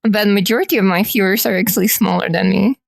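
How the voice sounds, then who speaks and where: A woman streamer chats casually with her audience and teases them in a playful way. Her voice carries a gravelly fry. The sound is dry, with no room echo. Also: mid-range voice, fairly even intonation, fast talker. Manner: playful, teasing.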